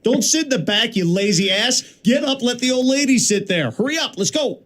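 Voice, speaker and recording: Man doing a bossy, high-voiced train announcer who barks orders at riders. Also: very animated, fairly quick, fairly bright tone, full character voice. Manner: barking orders, mocking.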